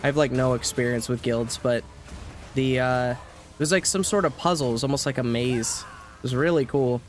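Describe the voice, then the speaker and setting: A man with a mid-range voice talks at normal speed into a desk mic, faint music behind him. Streaming a game while sniffly from a cold, he rambles casually and chats with his viewers, keeping the gameplay commentary relaxed.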